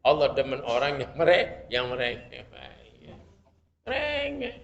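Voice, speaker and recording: A man with a Betawi Jakarta accent teaching a casual religious lesson, reading Arabic and explaining it in colloquial speech with humor, his voice swinging from loud to soft. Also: fairly high pitch, animated, normal speed. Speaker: Islamic preacher teaching fiqh. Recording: muffled lo-fi sound.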